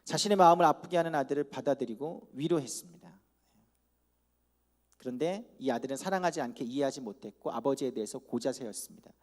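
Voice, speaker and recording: A man preaching a youth sermon at a church service, animated, and he acts out the characters with comic asides. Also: mid-range voice, fast. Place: church hall.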